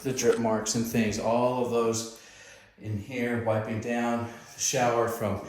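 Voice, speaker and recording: A man acting as landlord, narrating a walkthrough video of an empty house in a slow, halting way with plenty of pauses. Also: mid-range voice, level tone. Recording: roomy echo with faint noise.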